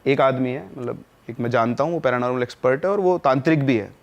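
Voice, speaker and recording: A man's voice: mid-range voice, fast, highs cut off. A man narrating a spooky story in a conversational podcast style, with dramatic asides to the listener. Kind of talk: casual spoken horror storytelling.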